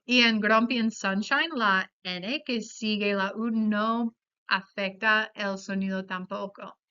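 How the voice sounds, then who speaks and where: A woman giving a class presentation on pronunciation, explaining carefully and saying example words slowly. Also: mid-range voice, fairly even intonation, pushed and bright, clear, resonant tone. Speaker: student presenter. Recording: dull lo-fi sound.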